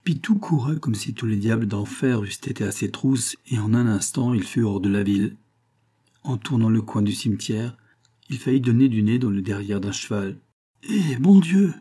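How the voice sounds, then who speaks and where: A man reading a classic novel aloud in measured, scripted narration. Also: on the low side, mellow, breathy edge. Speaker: audiobook reader.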